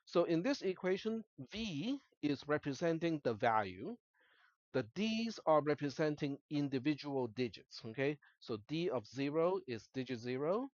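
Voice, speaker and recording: A college instructor and native Cantonese speaker lectures his class step by step, often checking in with short tag questions. His mid-range voice is a little mellow. The screen-recorded classroom lecture has no echo but sounds dull.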